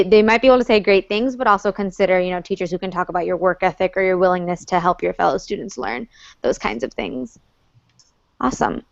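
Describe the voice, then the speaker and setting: A woman's voice: mid-range voice, clean tone, dry recording. A young woman from North Carolina, a student moderating an online Q&A session, reading out questions and passing them to others in a friendly, organized way. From North Carolina, USA. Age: young adult. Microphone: video call. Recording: slightly muffled video call audio.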